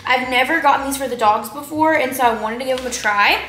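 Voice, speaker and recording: Talking fast and casually, a high-voiced young vlogger from Texas chats to camera about her haul, rambling with plenty of "likes" and "ums." She's indoors in her home kitchen, recorded from a distance by a camera on the counter, and the room is echoey with clear background noise.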